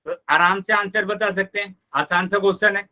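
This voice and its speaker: A male math teacher leading a live online class, patiently explaining steps and repeating them, addressing students warmly as children. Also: high-pitched, steady tone, fairly quick.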